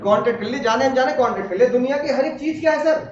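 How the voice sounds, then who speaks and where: High-voiced man teaching a lively class. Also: racing, crowd noise. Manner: chatty, asks the class questions and jokes. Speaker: law teacher. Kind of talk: classroom lecture. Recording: roomy, distant, dull classroom recording.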